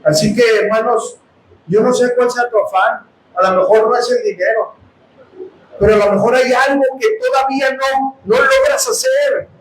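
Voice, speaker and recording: Impassioned high-voiced Mexican preacher. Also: male voice, steady tone, moderate pace, echoey room, slight background noise, rough recording. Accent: Mexican Spanish. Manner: impassioned, bursts into shouting, calls listeners "hermanos". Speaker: preacher giving testimony. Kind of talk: sermon testimony. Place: house of prayer.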